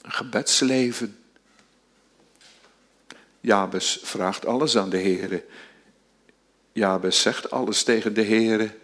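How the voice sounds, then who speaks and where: Slow, earnest male preacher. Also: on the low side, steady tone, a bit bright. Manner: earnest, rising to fervent emphasis with drawn-out words; frequent tag "hè" and restarts. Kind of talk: sermon.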